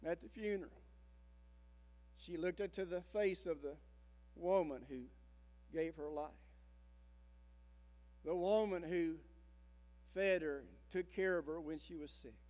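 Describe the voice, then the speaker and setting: A man in his sixties, a pastor preaching a sermon, telling a story dramatically and swinging between loud emphasis and hushed tones. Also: a little high, unhurried, long pauses. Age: 60s. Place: church sanctuary. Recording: long church reverb.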